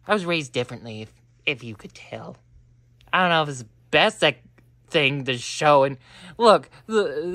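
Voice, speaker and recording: In a bass voice with no echo, a woman rambles through a comedic monologue. She interrupts herself constantly, lurching from mutters to loud outbursts.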